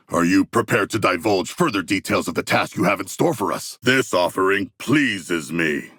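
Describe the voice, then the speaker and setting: Big proud shark man for a game, gravelly and forceful, swings up and down a lot, talks super formal and literal. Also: dry recording, clean studio sound, exaggerated voice. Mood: earnest, formal. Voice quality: deep, gravelly. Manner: stilted formal diction, grandiose, deliberate. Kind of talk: video game character voice lines.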